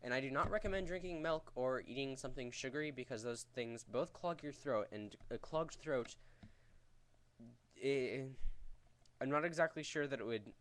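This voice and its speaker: Bright-voiced guy giving a crude, casual tutorial. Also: mid-range voice, normal speed. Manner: crude, jokey, profane. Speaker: vocal tutorial host teaching screaming technique. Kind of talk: casual, rambling spoken tutorial.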